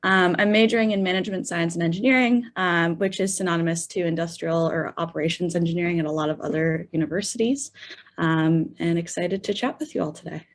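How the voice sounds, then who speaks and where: A woman in her twenties from New York introduces herself on a video call panel. Her voice sits on the low side. She is friendly and uses a few light ums. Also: brisk. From New York, USA. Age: 20s. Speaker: university student panelist.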